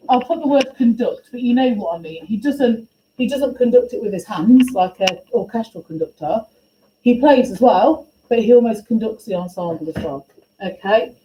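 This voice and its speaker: A woman's voice: medium pitch, warm tone, a little hiss or hum. Woman teaching, echoey classroom. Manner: questioning, encouraging, brisk. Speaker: music teacher. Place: school classroom. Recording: echoey classroom, faint ambience.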